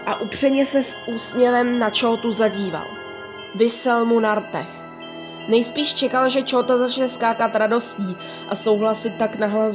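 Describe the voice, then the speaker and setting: Woman narrating a horror story, higher voice.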